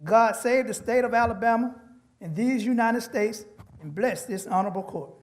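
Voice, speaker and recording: A man's voice: very high voice, normal speed. A man calls out a formal, ceremonial court proclamation in the manner of a town crier. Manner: loud, formal town crier style calling out. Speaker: court crier opening the session.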